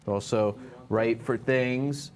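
An actor playing an awkward young wannabe filmmaker who interviews guests in a deadpan, flat manner at a studio desk. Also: male voice, medium pitch, slow pace, natural voice. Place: TV studio set, seated at desk.

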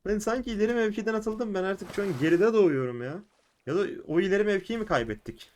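A young man with a Turkish accent giving casual commentary as he plays an online game, shouting in fights and muttering between them. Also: high-pitched, fast talker. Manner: excitable, shouts and laughs during fights, mutters to himself between. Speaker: gaming YouTuber.

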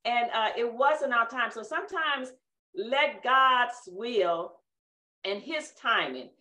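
Woman, higher bright voice, reflective encouraging talk, roomy echo. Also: expressive, slow pace. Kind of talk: casual group discussion. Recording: echoey room.

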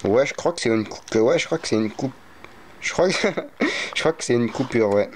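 A young man talks casually to his viewers, joking around and slipping into playful mock alarm. His voice sits at an ordinary middle pitch. A faint hiss of noise runs under the recording. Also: animated, quick pace, a little mellow. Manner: playful, mock-panicked cries for help. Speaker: vlogger. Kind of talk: casual vlog chat.

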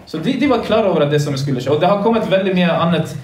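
A man's high, animated, slightly mellow voice carries through an echoey carpeted mosque as he gives boys a religious lesson. Earnest and preachy, he restates key points for emphasis, captured by a phone livestream placed well away from him across the room.

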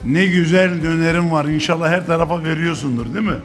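A man's voice: a little high, faint music behind. A middle-aged man hosting a casual on-location interview in a restaurant, jovial and teasing, with a handheld mic. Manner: jovial, teasing, fast questions. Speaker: show host. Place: busy restaurant kitchen counter. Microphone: handheld microphone.

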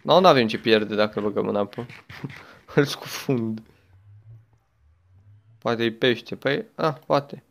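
A man's voice: mid-range voice, vocal fry, long pauses. Young guy doing lets play commentary, chatty, yelps and exclaims a lot. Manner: chatty, exclaims often, talks to the game and a friend. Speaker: gaming youtuber.

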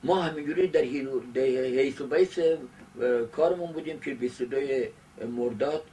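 Older man, 70s, halting reminiscence, off-mic camcorder sound with faint noise. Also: a little high, warm tone. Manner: halting, with long hesitations. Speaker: interviewee giving oral history. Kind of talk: recollective personal narration. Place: small book-lined study indoors. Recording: distant mic, noisy amateur camcorder sound.

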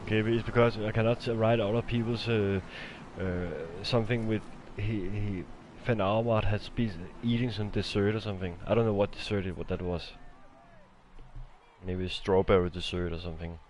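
A man from Denmark with a Danish accent, casually commenting on his game stream in a blunt, halting way, with many fillers and restarts. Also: lowish voice, flat delivery, darkish tone, a little hiss or hum. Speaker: gaming streamer.

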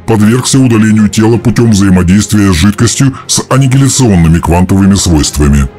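A man's voice: on the low side, expressive, brisk, lightly acted. A man voicing a stern, pompous cartoon timekeeper spirit who makes formal, humourless pronouncements. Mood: solemn.

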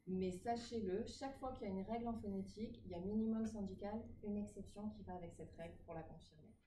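Warm and fast, a woman with a medium-pitched voice delivers a classroom phonetics lecture, patiently going over rules and regularly confirming students are following. It was recorded in an echoey space, far from the mic, with background noise.

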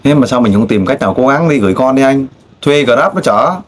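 A man runs a casual interview. He pushes and teases, firing off pointed questions one after another. His voice sits at an ordinary middle pitch, and he often breaks off into loud exclamations. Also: expressive, brisk. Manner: pushy, teasing questioner with frequent exclamations. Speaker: street interviewer.

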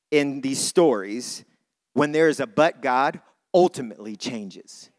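A man with a high-pitched, slightly bright voice preaches a church sermon informally and conversationally, repeating phrases for emphasis. He mentions that English is not his first language.

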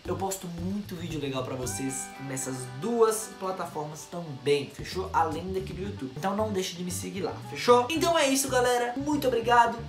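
A man with a Brazilian Portuguese accent giving chatty, excitable reaction commentary to his viewers. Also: high voice, fairly quick, hardly any pauses, echoey room, music in the background. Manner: chatty, excitable, keeps telling viewers to look. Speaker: YouTuber reacting to videos.

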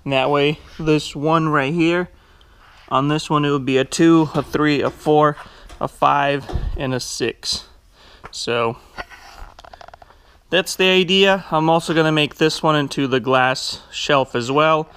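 Inside a large metal warehouse, a young vlogger who runs a small business narrates a casual walk-through, thinking out loud into a handheld action camera at arm's length. His voice sits on the high side with a fairly bright tone and slow pace, against slight background noise.

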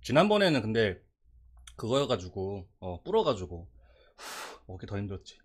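A young man talks through a mouth full of noodles, his words low and mumbled between bites. His pitch still rises and falls in a lively way. He chats casually as the host of his own eating show. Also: normal speed, husky. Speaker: mukbang creator.

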